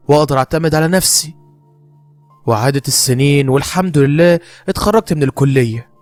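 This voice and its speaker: A man's voice: a little high, dry recording. Subdued Egyptian male storyteller. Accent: Egyptian Arabic. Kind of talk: first-person horror story narration.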